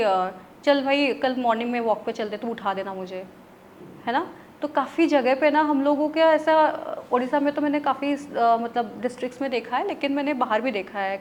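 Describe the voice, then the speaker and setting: Her voice high, a woman from Odisha, India, who reads tarot, tells a story chattily as an interview guest. She weaves in English words and checks in with her listener, and there's a little hiss or hum on the recording.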